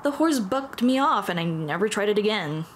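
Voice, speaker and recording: A woman plays a nervous, apologetic young female dullahan in an intimate ASMR roleplay, speaking hesitantly with stammers and self-deprecating remarks. The mood is awkward and wry. Her medium-pitched voice sounds close to everyday speech, with lively intonation, normal speed, and slight background noise.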